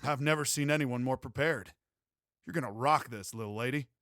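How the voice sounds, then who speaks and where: A man's voice: medium pitch, fairly quick, fairly bright tone, no echo, clean studio sound, close to an everyday voice. A man playing a tender, teasing young cowboy.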